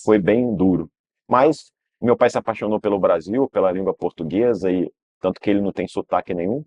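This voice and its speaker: A Brazilian man appears as a guest in a relaxed interview, telling long family stories as he rambles, restarts and keeps adding tag questions. His voice is deep, a little fast and slightly mellow, with no room sound and the highs cut off.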